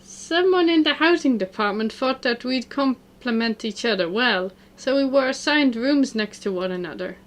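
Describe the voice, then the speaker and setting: A woman's voice: on the high side, animated, moderate pace, hardly any pauses, natural voice. A woman voicing a cheerful, sporty teenage girl in a visual novel, in an upbeat, bubbly manner.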